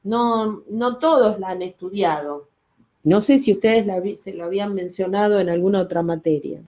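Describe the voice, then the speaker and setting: A woman's voice: medium pitch, normal speed, mellow, muffled recording. An older woman giving a classroom lecture, explaining step by step with rhetorical questions, wry asides and frequent self-corrections. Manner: self-correcting, checks understanding with "¿sí?" and "¿no?". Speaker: university lecturer.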